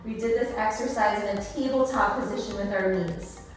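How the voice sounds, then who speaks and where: A woman's voice: medium pitch, moderate pace. A woman leading a workout as an aerobics-style Pilates instructor, cueing moves and counting down reps in an encouraging, instructive way. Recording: echoey room, distant, music behind.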